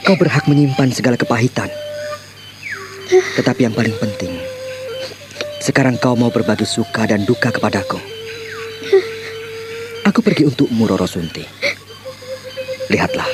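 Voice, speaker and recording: A man's voice: medium pitch, close to an everyday voice, rough recording. An actor playing a young man who tenderly coaxes and comforts his beloved in a radio drama. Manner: tender, coaxing. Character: young man, gentle devoted lover, hero. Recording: radio drama with loud music behind.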